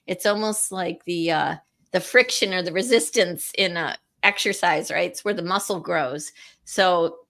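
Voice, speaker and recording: A woman's voice: fairly low pitch, a little slow, creaky, a bit bright. A woman co-hosting a podcast, talking casually and animatedly, acting out quoted lines as she explains. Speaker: co-host. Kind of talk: conversational podcast talk.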